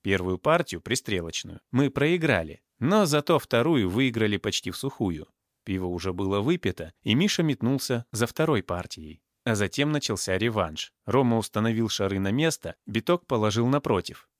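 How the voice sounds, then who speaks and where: Man narrating with lively pitch. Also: normal speed, dry recording, studio quality. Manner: lively storytelling, soft asides. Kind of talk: audiobook narration.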